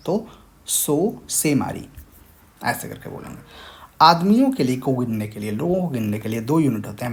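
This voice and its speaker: A man's voice: medium pitch, a little mellow. A young man, a language teacher patiently explaining a lesson step by step. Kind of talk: screen-share tutorial explanation.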